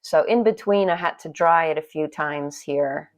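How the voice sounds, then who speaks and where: A middle-aged woman talks through a watercolor tutorial in a relaxed, chatty voice-over, sitting a little low in pitch. She pokes fun at herself as she goes. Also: normal speed, faint music behind. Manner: chatty, self-deprecating, laughs at herself. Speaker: watercolor painting instructor.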